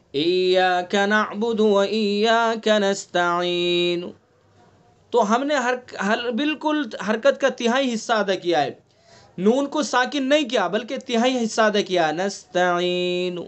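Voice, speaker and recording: A man from India teaches an online Quran recitation class in a high-pitched voice. He repeats each term and keeps checking the students with questions. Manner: explains slowly, repeats terms, quizzes students with questions. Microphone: online class recording.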